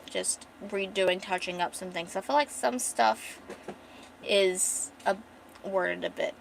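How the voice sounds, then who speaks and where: A woman's voice: mid-range voice, slow pace, vocal fry, slight background noise. A woman artist and streamer chatting casually while reading her comic script, rambling with many fillers and self-corrections.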